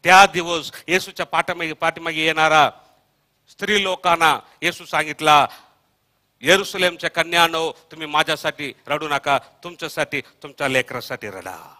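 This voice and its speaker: Man, pastor, Marathi accent, sermon, repeats verses, soft to shouting, high, bright. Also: fairly even intonation, normal speed. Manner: repeats verses line by line after the reader, prompting with "हा"; swings from soft murmurs to loud shouted calls. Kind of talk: sermon, Bible study.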